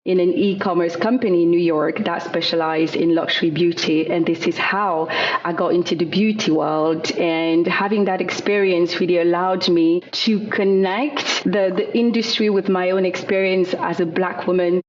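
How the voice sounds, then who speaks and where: A woman's voice: on the low side, fairly even intonation, moderate pace, a little hiss or hum. French-accented woman on a dull line. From France. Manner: thoughtful, with frequent fillers and repeated words. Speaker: guest, skincare founder. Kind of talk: conversational interview.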